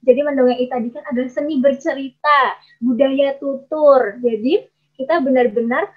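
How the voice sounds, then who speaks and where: A woman presenting a storytelling workshop as trainer, explaining step by step, often pausing on hesitation fillers and speaking to her listeners as friends. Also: high-pitched. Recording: slightly dull lo-fi audio.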